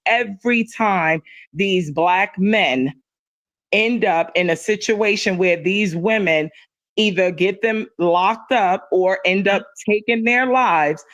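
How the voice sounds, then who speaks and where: A woman's voice: lowish voice, no room sound, dull audio. A middle-aged woman talking in a casual livestream chat, impassioned and emphatic, often repeating herself for stress.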